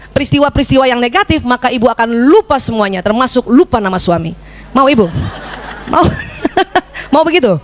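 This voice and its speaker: A middle-aged woman giving a religious parenting lecture, lively, acting out little scenes with her child. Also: a little high.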